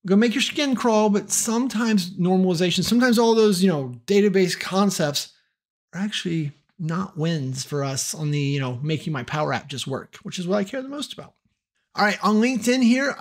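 A middle-aged man giving a casual, opinionated tech tutorial, chatty with self-deprecating asides. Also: sits high. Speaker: tech trainer. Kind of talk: casual tutorial talk to camera.

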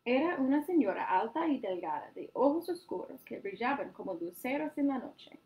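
A woman storyteller reading a picture book aloud to children in an animated way. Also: high-pitched, normal speed, low-quality recording. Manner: animated, addresses young listeners.

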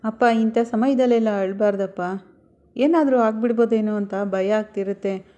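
A woman's voice: a little high, normal speed, mellow, muffled recording, lightly acted. A woman voicing a grown son who comforts his crying father and makes wry remarks. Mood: consoling. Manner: consoling, wry.

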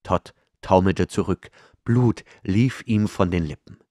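A man narrating a fantasy audiobook in a measured, dramatic way. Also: low voice, warm tone, no echo, studio quality. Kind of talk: scripted narration.

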